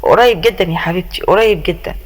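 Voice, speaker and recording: A woman doing a sly scheming lover, low-voiced. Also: rapid-fire, lightly acted. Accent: Egyptian Arabic. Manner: complaining and wheedling.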